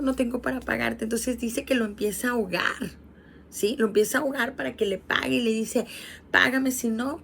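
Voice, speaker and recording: A woman's voice: a little high, fairly bright tone, a little hiss or hum. Woman preaching to video viewers. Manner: earnest teaching, addresses viewers directly. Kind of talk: sermon retelling a parable and reading scripture. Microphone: streamed video.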